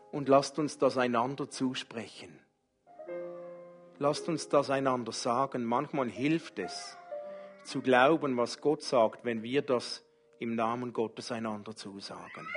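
A man preaching a sermon as pastor, speaking slowly and gently and inviting the congregation to worship. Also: medium pitch. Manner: slow, gentle, speaks softly in personal address.

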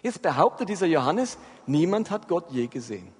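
A man's voice: fairly high pitch, big pitch swings, a little fast, breathy edge. A man preaching a sermon and often asking his listeners whether they are following. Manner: addresses the congregation with frequent check-in questions. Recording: long hall reverb.

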